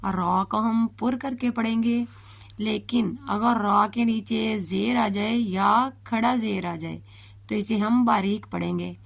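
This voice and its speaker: A woman teaching a beginner Quran reading lesson, slowly spelling out each syllable and explaining how to pronounce it, in a patient, drawn-out way. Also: medium pitch, steady tone, creaky.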